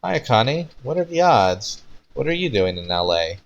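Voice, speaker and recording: A man's voice: mid-range voice, very animated, moderate pace, gravelly, highs cut off, voice pushed up. Man reading as a nervous, earnest young male martial artist. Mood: nervous, friendly.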